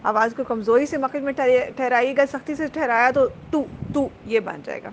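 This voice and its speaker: A woman teaching Quran recitation, explaining letter sounds patiently and repeating them slowly. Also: sits high, dull audio, slight background noise.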